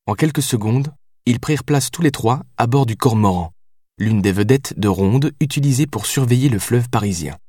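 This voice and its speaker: A man narrating an audiobook in a measured, steady reading. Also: mid-range voice, no echo, clean studio sound.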